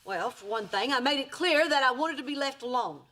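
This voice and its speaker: An actress playing a sarcastic, quick-witted middle-aged mother in a sitcom. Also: sits high, lively intonation, fairly bright tone. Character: wry, sharp-tongued woman, middle-aged mother. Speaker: sitcom lead. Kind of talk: sitcom acting.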